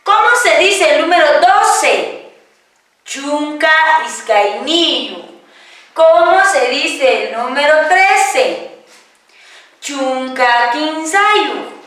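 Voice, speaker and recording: Picked up from afar in an echoey room, a woman teaching Quechua poses questions and patiently answers them herself in a classroom-style lesson. Her high voice is animated and a bit bright, and she speaks very slowly, stretching every word.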